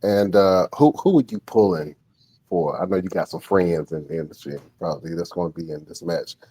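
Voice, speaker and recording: A man in his late thirties hosting a wrestling podcast, with a very deep, low voice. He asks his questions in a loose, halting way full of fillers, and he laughs easily with his guest. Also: warm tone, breathy edge. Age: 30s. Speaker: podcast host. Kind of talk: casual interview chat.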